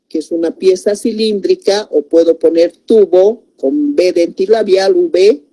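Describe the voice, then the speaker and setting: A woman explains spelling in a slow lesson, repeating words and checking in with tag questions. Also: lowish voice, dark tone. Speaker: teacher.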